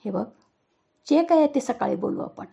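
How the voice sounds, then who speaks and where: A woman voicing a weary, calm middle-aged father trying to settle a family quarrel in a storybook tale. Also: normal speed, vocal fry, slightly rough, muffled recording, heavily acted. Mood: annoyed. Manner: low, tired, placating.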